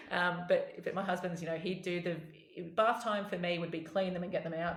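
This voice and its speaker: A woman in her thirties, a doctor speaking as a podcast guest, talking frankly and casually with many restarts. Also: low-pitched. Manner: chatty and frank, with frequent restarts. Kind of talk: candid conversational interview. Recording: roomy echo.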